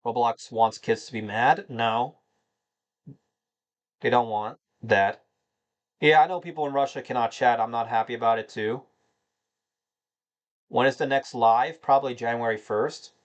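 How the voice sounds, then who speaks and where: A mid-range male voice with fairly even intonation comes at a measured pace, pausing often. He's a North Carolina livestream host in his thirties, casually fielding viewer questions in a rambling, filler-heavy way and addressing chat as "man."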